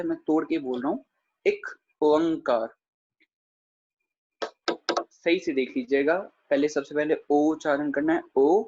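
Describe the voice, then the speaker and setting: A slightly high, darkish voice with a breathy edge belongs to a Gurbani grammar teacher giving a lecture over a video call. Slowly and carefully, he demonstrates scripture pronunciation one syllable at a time while respectfully addressing the congregation. The video call mic yields dull, lo-fi sound.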